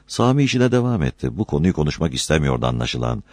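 Deep guy reading a novel aloud, lively, dry mic. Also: quick pace, dry recording. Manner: steady storytelling. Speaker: narrator. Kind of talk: audiobook narration.

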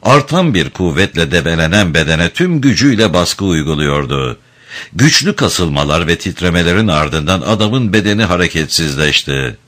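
A man narrating a dark adventure storybook in a measured, grave way. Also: low-pitched, big pitch swings. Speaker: audiobook narrator.

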